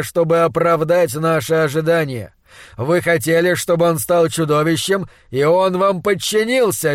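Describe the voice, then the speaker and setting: A man voicing a stern, weary doctor who speaks slowly and gravely. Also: fairly high pitch, no echo, studio quality, lightly acted. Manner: slow, measured, grave.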